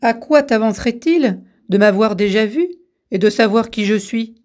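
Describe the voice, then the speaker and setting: A woman's voice: a little high, normal speed, darkish tone, natural voice. A woman reading the part of a mysterious grey-clad male messenger who speaks tersely and insistently.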